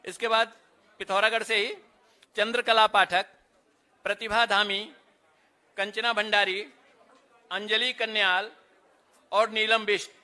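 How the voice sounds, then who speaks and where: High bright man reading names. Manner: steady roll-call of names, brisk stage directions. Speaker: event announcer. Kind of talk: reading out names at an award ceremony.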